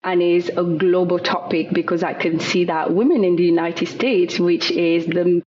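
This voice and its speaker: A woman's voice: lowish voice, fairly even intonation, normal speed, darkish tone, highs cut off, slight background noise. A woman in her thirties from France with a French accent, a guest telling her story in a thoughtful way, with frequent fillers and repeated words. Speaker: guest, skincare founder. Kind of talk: conversational interview.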